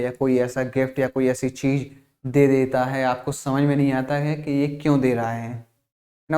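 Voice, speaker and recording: A man's voice: medium pitch, darkish tone. Indian man drilling English phrases. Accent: Hindi. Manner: repetitive, drilling phrases with questions to the class. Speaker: spoken English teacher. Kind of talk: classroom lesson.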